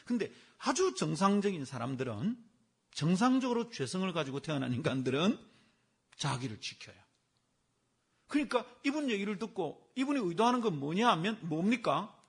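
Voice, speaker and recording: A gravelly, husky man preaches a sermon. His pitch rises and falls with animation, and he swings from hushed to loud. At times his voice sounds a bit far from the mic. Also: very animated, moderate pace. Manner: acts out conversations, swings from soft to loud. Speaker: pastor.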